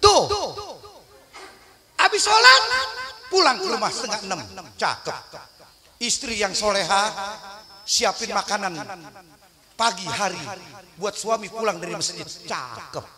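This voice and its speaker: A man's voice: high voice, sing-song, a little slow, pauses often, pushed and bright. A male preacher, giving a comic sermon in a joking, punchy way, with a crowd behind him.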